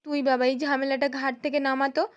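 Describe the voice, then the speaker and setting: A village mother coaxes her son and scorns his wife, read by a woman narrator in her own high voice. It is told plainly. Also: flat delivery, fairly quick, muffled recording, close to an everyday voice. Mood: coaxing. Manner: coaxing, dismissive.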